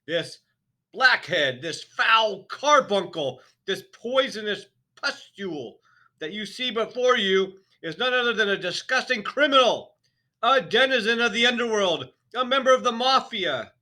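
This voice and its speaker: A man voicing a bellowing, tyrannical headmistress who booms insults, in a storybook reading. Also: animated, a little slow, full character voice. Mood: furious. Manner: booming, shouting insults.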